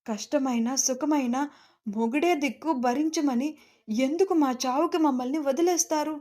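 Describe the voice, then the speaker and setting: A woman's voice: high voice, moderate pace, darkish tone. A woman narrating a first-person audio story with emotion, turning to speak directly to her listeners.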